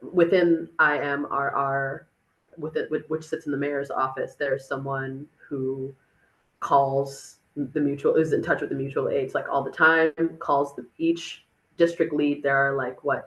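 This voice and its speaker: A woman's voice: a bass voice, little pitch movement, unhurried, a bit bright, low-quality recording. A woman answering audience questions at a tech meetup, casual and chatty with many fillers and restarts. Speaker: speaker on a city dashboard, chief of staff.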